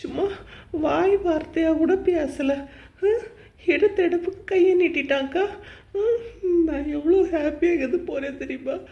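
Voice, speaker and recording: A woman's voice: sits high, measured pace, reverberant, highs cut off. A woman voicing a tearful, stubborn young married woman in a cartoon, speaking with a Kanyakumari Tamil accent. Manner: tearful, complaining. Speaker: cartoon character. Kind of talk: cartoon voice acting.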